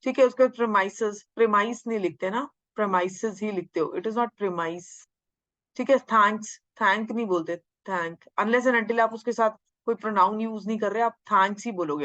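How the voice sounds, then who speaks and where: Woman teacher, exam-prep grammar lecture, slow drawn-out lines, dry slightly dull sound. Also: mid-range voice, fairly bright tone, no echo. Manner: mixes Hindi and English, drawls English sentences slowly, asks and answers own questions. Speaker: English teacher.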